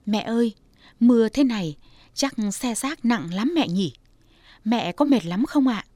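A woman's voice: on the high side, expressive, measured pace, no room sound. Woman doing a sweet coaxing young daughter. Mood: tearful. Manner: soft, pleading, teasing. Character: loving young adult daughter, gentle and coaxing.

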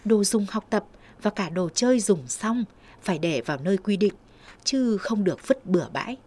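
A woman's voice: medium pitch, animated, moderate pace, dark tone, husky. A woman reading as an old village grandmother. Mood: gentle, earnest. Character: old village grandmother, gentle but firm.

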